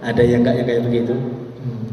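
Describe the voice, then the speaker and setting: A man preaching a sermon in a sing-song, drawn-out way, repeating words and quoting Arabic. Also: medium pitch, level tone, dark tone, slight background noise. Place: large mosque hall. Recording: distant, echoey hall.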